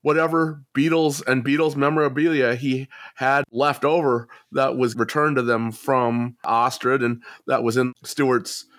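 A man hosting a podcast, relaying music news in casual chat at a measured, newsy pace. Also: medium pitch, level tone, a bit bright. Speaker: podcast host.

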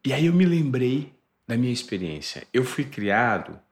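A man hosting a podcast, telling a personal story with animated emphasis. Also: medium pitch, normal speed. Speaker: podcast host. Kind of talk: podcast conversation. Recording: roomy echo.

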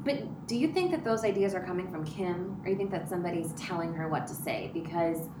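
A woman in her thirties co-hosting a podcast, joking and wisecracking in an animated way. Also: fairly low pitch, a little fast. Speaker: podcast co-host. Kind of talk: casual chat. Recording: echoey room, mic at a distance, clear background noise.

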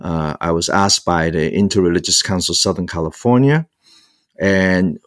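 This low-pitched speaker is a Hong Kong man in his sixties, a priest and author appearing as an interview guest to tell his personal story. The studio-quality audio has no room sound. He hesitates often and at length, repeating fillers as he searches for words.

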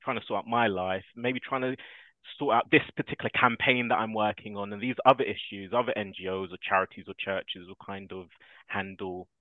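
Man, podcast guest, earnest reflective storyteller, deeper voice, thin phone-like audio. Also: a little fast, no echo. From South London. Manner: earnest, thoughtful, laughs while telling stories. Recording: dry, tinny phone-like line.

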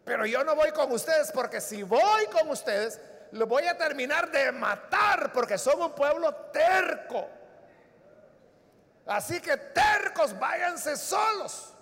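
A man voicing a stern God who refuses to go along with a stubborn people, declaiming loudly in slow stretched phrases. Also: very high voice, expressive. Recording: long reverb of a large hall.

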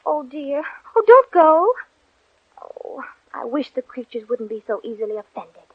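In an old radio play, a woman voices a polite, curious young girl who muses to herself. Her high, sing-song voice moves unhurriedly, and the 1940s-style acting comes through a dry, dull vintage radio recording.

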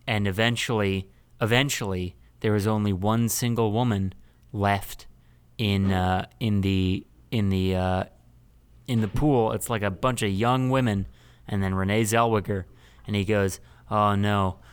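Tired man with a smooth voice. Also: lowish voice, steady tone. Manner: halting, full of fillers and restarts. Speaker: podcast host recapping a film. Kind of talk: casual chat.

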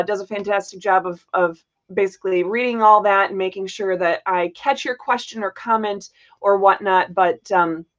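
A woman of middle pitch hosts a live podcast, talking casually and rambling a little, with frequent fillers and playful jabs. Her audio is slightly muffled and lo-fi, like a streamed call. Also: fairly bright tone. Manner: chatty and rambling, many fillers and self-corrections; playful teasing. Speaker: podcast host. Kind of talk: casual livestream chat.

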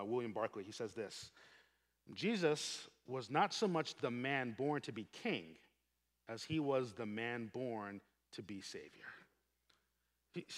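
A man preaching a sermon as pastor, earnest and emphatic, swelling on key points and dropping soft at the ends of phrases. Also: mid-range voice. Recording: long hall reverb.

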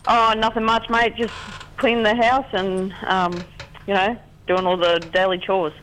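A woman's voice: medium pitch, level tone, moderate pace, fairly bright tone. A woman with an Australian accent chatting casually as a caller over a slightly noisy phone line. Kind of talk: casual chat.

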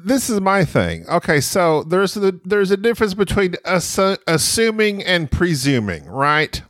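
A man co-hosting a podcast in casual banter, teasing and quick to argue his point. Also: sits high, big pitch swings, fairly bright tone, dry recording, clean studio sound. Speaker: podcast co-host.

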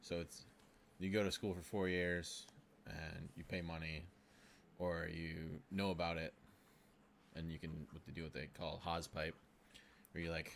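Very deep-voiced young man from Maine. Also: little pitch movement, creaky, slight background noise. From Maine, USA. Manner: halting, laid-back, explains plainly. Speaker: podcast guest. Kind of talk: casual interview chat.

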